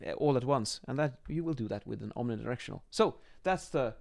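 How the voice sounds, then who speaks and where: An acoustics instructor and presenter in his thirties teaches an informal lesson, pausing a little as he thinks aloud. His mid-range voice is expressive, gravelly and darkish, recorded close on a boom-arm mic in a small indoor home office.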